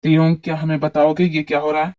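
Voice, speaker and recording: A woman's voice: deep voice, monotone, fast, dark tone, pitched below the performer's own voice, close to an everyday voice. A woman voicing a middle-aged mother in a fan audio drama, who asks puzzled questions.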